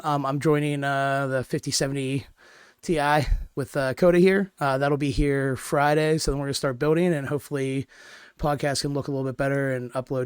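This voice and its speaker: A man co-hosting a podcast, hoarse and raspy from a cold, easygoing and self-mocking. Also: mid-range voice, dry recording, studio quality. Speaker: podcast co-host. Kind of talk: casual chat.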